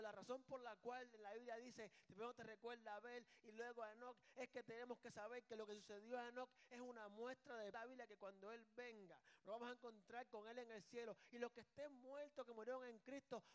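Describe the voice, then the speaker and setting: A male pastor with a strikingly high voice delivers a sermon. He talks to the congregation conversationally and drops in jokes. His delivery swings between quiet asides and loud, emphatic bursts.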